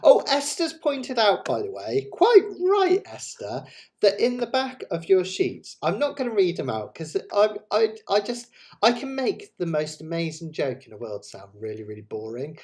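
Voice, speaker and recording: A man's voice: sits high, wildly swooping pitch, normal speed, darkish tone. A man with a West Country English accent hosting a casual livestream, chatting in a rambling, enthusiastic, self-deprecating way. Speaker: host of a live ukulele play-along. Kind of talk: casual livestream chat to viewers.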